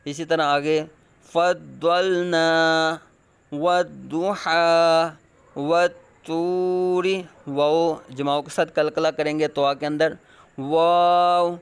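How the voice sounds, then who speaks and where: A man with a Pakistani Urdu accent teaching Quran recitation, spelling out letters and words slowly and loudly, then explaining the rules quickly in a lower voice. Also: level tone, creaky, clear, resonant tone, no room sound.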